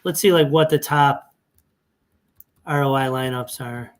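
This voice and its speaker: A man's voice: mid-range voice, unhurried. A man talking through fantasy hockey lineups in a casual walkthrough, thinking aloud and correcting himself as he goes. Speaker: fantasy sports analyst. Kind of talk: casual screen-share walkthrough.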